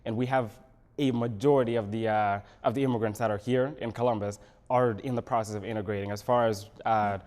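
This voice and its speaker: A man from Senegal, a city council candidate, answering questions in a local TV studio interview with measured, pause-filled speech. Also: fairly low pitch, fairly even intonation, darkish tone.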